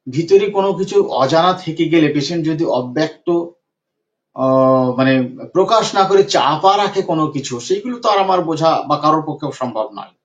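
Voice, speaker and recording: A man's voice: fairly high pitch, animated, a little fast. A man working as a homeopathic doctor, retelling a patient's case and repeating phrases for emphasis. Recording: dull lo-fi recording.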